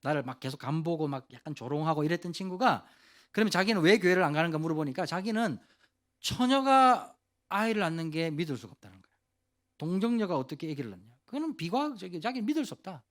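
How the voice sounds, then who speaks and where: A male pastor giving a youth sermon, telling a story in an animated, casual way and asking the listeners questions directly. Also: a little high, fast talker. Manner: asks the audience questions directly.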